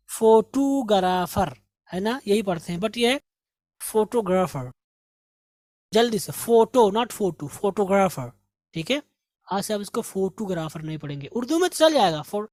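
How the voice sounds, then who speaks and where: Woman slowly modeling words. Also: mid-range voice, no room sound. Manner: repeats each word slowly to model pronunciation. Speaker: English teacher. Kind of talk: spoken language lesson.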